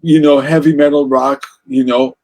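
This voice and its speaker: A man's voice: fairly high pitch, level tone, moderate pace, darkish tone. A man with an Israeli accent, speaking as an interview guest about music in a passionate, rambling way with many restarts. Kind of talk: casual interview conversation.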